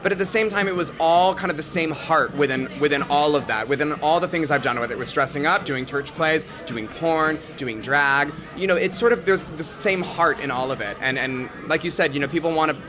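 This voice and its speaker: Upbeat chatty guy guest, kinda high voice, restaurant crowd noise all around. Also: a little fast, hardly any pauses. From Los Angeles. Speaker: interview guest, drag performer. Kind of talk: casual interview chat. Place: busy restaurant at night. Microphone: handheld mic.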